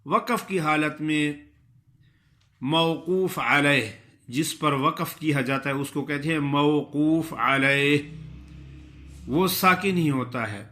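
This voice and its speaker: A man giving a tajweed lesson, explaining pronunciation and then reciting verses in a drawn-out melodic chant. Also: fairly high pitch, pushed and bright. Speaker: Quran recitation teacher.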